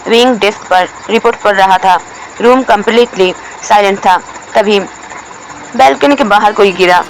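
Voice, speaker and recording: A woman's voice: moderate pace, a little hiss or hum, rough recording. A woman reading a romance story aloud, narrating and voicing every character herself. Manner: reads every character herself, shifting pitch for dialogue.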